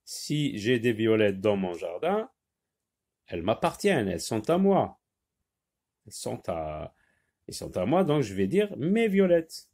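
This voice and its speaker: A male teacher leading a reading lesson at an unhurried, measured pace. He says each word twice and spells out its syllables with careful patience, his pitch sitting in an ordinary middle range. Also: big pitch swings, a little mellow. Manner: slow and deliberate, repeating each word and syllable.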